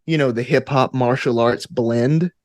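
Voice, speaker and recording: A podcast guest who's an actor and tabletop gamer talks casually in a mid-range, darkish voice, a little slow. He's enthusiastic and geeky, prone to wandering off on tangents, and the clean studio sound has no echo.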